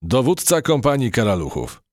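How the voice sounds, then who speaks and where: A man's voice: medium pitch, wildly swooping pitch, moderate pace, dry recording, clean studio sound, voice pushed up. A man voicing a stern male cockroach army captain who gives clipped orders in a storybook reading. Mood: commanding.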